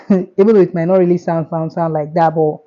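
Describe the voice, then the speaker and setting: A woman's voice: lowish voice, steady tone, normal speed, muffled recording. A Nigerian woman with a Nigerian accent, hosting a casual step-by-step screen tutorial and often repeating herself. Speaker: tutorial host.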